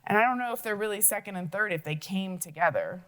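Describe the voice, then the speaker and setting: A woman's voice: medium pitch, quick pace, fairly bright tone. A woman teacher walking young children through a logic puzzle, thinking aloud and asking them questions.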